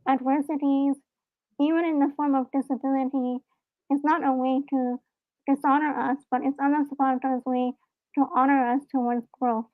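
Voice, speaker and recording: A woman from Hong Kong speaks in a high, fairly flat voice, telling her story in an earnest, reflective way. The sound comes through a dry, narrow, phone-like call line. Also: no echo. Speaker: author and guest. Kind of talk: live interview over a call.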